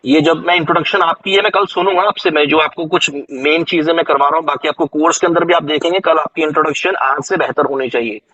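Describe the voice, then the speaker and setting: A man with an Indian accent teaching a spoken English class online, slowly repeating phrases for his students. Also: on the high side, steady tone, bright, forceful tone, dull audio. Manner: slow, drawn-out repetition of English phrases for students.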